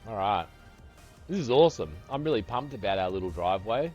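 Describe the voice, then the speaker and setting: A man's voice: fairly low pitch, lively intonation, a little fast, darkish tone, muffled recording. A man around fifty, chatting casually with viewers while he plays a game, swearing freely and calling them brother. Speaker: streamer. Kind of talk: casual live-stream chat while gaming. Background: faint music.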